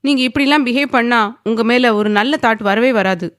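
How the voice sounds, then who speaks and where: A woman's voice: on the high side, moderate pace, no room sound, clean studio sound, pitched above the performer's own voice, lightly acted. Woman doing a timid but prickly young woman. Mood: indignant. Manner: sharp, indignant retorts.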